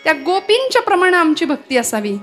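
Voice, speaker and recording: A high-voiced woman preaching a devotional kirtan. She tells the story with dramatic flair, slows down to chant Sanskrit verses, and often puts questions to her listeners. Faint music plays behind her. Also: big pitch swings, fairly bright tone. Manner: rhetorical questions to the audience. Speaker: kirtan performer.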